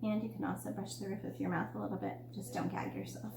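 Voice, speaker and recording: A woman's voice: medium pitch, flat delivery, fast, creaky, a little mellow. A woman reading a picture book aloud to children and chatting casually as a dental educator. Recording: roomy room with faint hum.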